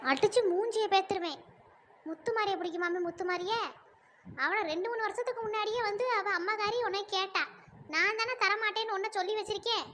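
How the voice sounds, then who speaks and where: A woman's voice: very high voice, fairly even intonation, brisk, a bit bright. A woman voicing a stern, scolding village mother in a cartoon who nags and threatens her daughter. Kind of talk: cartoon dub acting.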